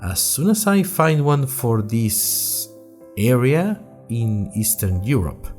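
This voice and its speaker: Faint music sits behind a mid-range male voice that takes things slowly. Playing a curious young student journalist, he hosts a fictional podcast and narrates his adventures as chatty, wry, expressive first-person audio drama.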